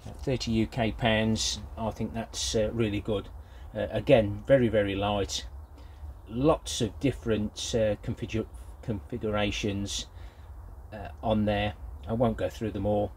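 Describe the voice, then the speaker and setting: This older British man, a grandfather and gardening vlogger, offers a rambling, hesitant product review that is casual and unscripted. He speaks a little slowly with a flat delivery, his voice on the low side and darkish, with slight background noise.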